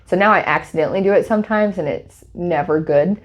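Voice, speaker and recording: A woman co-hosting a podcast, telling a personal story in casual chat, animated and laughing as she goes. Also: fairly low pitch, fast talker, highs cut off. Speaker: podcast co-host.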